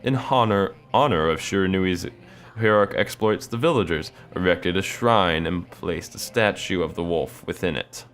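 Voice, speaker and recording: Young guy reading game text out loud, lowish voice, cracking jokes, quiet game music under it. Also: moderate pace. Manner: casual, joking asides. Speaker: let's play narrator. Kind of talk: reading game story aloud with commentary. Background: faint game music.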